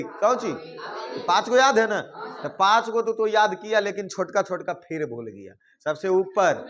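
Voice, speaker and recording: High-voiced man drilling a class. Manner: repetitive rhyming mnemonic drilling, teasing students. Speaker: teacher. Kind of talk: classroom lesson with call-and-response drilling. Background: class of students responding.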